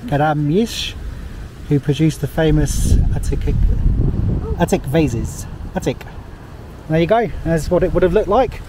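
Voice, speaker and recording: Walking through busy city streets, a man from England chats to a handheld camera at arm's length, rambling casually with plenty of fillers. His voice is fairly high and mellow. The outdoor recording is noisy, with traffic and street ambience behind him.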